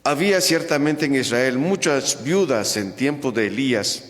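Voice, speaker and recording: A man, a priest, proclaiming the Gospel at Mass in a slow, measured way, his voice ringing through a large church's cathedral echo. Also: medium pitch, lively intonation, fairly bright tone. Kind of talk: liturgical Gospel reading at Mass. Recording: long church reverb.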